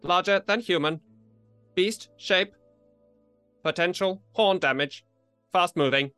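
A man's voice: sits high, slow, pushed and bright, smooth, dry recording, soft background music, heavily acted. A man voicing a talking lab bench computer in a tabletop game, speaking in clipped, robotic processing announcements. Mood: flat robotic.

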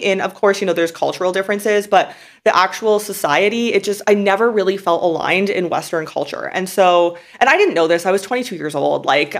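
A woman in her twenties from Canada, hosting a podcast and talking in a loose, rambling way full of fillers and restarts. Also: on the low side. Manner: rambling, filler-heavy, lots of "like". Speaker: podcast host. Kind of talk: casual podcast chat.

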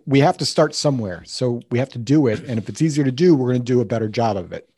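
A man's voice: mid-range voice, expressive, fast, dark tone, husky, dry recording, clean studio sound. A man talking conversationally as a podcast host, explaining things like a coach.

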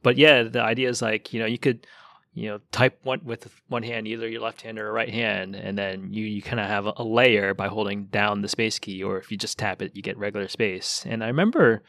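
A man talking as a guest on a podcast, recounting things in a relaxed, thoughtful way with fillers. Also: lowish voice, brisk, no echo. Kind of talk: casual chat.

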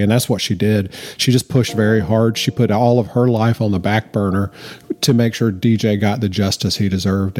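A man speaking unscripted as a podcast interviewee, halting and repeating words for emphasis. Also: lowish voice, darkish tone.

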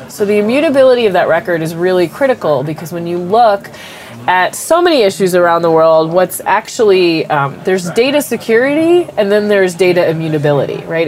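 A company executive with a lowish, stuffed-up voice from a cold answers interview questions. She explains technology through everyday comparisons and says "um" often.

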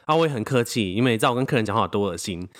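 A man's voice: lowish voice, rapid-fire. A young man co-hosting a casual podcast, telling stories animatedly and acting out quotes. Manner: animated storyteller, acts out quotes, swears. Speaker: podcast co-host. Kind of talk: casual storytelling chat.

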